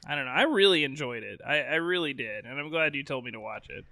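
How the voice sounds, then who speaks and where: A young man co-hosting a podcast in animated, casual chat that is full of swearing. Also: medium pitch, fast, vocal fry, dry recording, studio quality. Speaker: podcast co-host.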